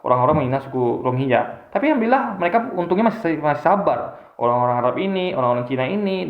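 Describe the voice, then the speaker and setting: Pria bersemangat dengan suara bergema. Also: male voice, a little high, gravelly. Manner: earnest, appealing directly to viewers as guys; repetitive, with many restarts. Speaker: commentator. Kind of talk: casual opinion monologue. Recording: echoey room, muffled lo-fi sound.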